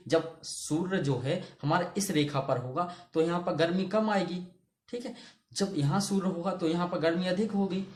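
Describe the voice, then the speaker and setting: A man's voice: on the high side, darkish tone, reverberant, a little hiss or hum. A man teaching a geography lesson who keeps asking the class questions and answering them himself. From India.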